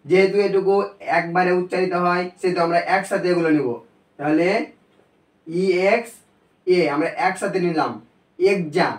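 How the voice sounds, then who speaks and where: A man teaching a recorded video lesson, explaining step by step in a slow, patient way. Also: high voice. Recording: echoey room, voice from a distance.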